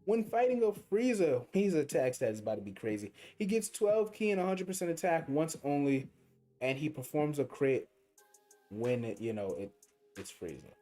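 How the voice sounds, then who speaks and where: Sing-song and mellow, his fairly high voice moves at a moderate pace. The young streamer chats loosely over mobile gameplay, rambling, using slang, and voicing his thoughts as they come, with faint music from the game behind him.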